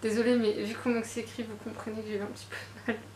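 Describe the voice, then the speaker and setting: Chatty woman, higher voice, echoey room. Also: flat delivery, very fast, a little mellow, a little hiss or hum. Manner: chatty, self-deprecating, many fillers. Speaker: book vlogger. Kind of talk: casual book haul chat.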